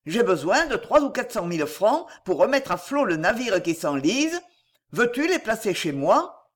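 Earnest, formal factory owner voiced by a reader in an audiobook, moderate pitch. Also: big pitch swings, moderate pace. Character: earnest factory owner near ruin, reserved. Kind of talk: audiobook reading.

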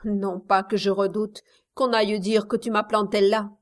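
A woman voicing a gentle young Spanish bride-to-be. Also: medium pitch, level tone, moderate pace, lightly acted. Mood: pleading, proud. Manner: soft, reproachful delivery.

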